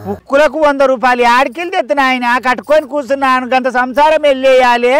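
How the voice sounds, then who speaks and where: A man with a Telangana Telugu accent playing a loud, nagging old village mother-in-law in a comedy sketch. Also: quick pace, clean tone, dry recording. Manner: shrill nagging scolds, loud outbursts. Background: background music.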